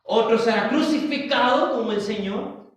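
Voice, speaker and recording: A man preaching a Bible study sermon as pastor, slow and halting, often restarting and turning to address his congregation. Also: extremely high pitch. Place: church. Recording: roomy church hall, mic at a distance.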